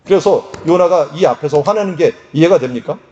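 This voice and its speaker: A man preaching a sermon in a conversational, lively way, sometimes acting out quotes. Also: fairly high pitch, a little fast, muffled recording. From Korea. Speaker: pastor.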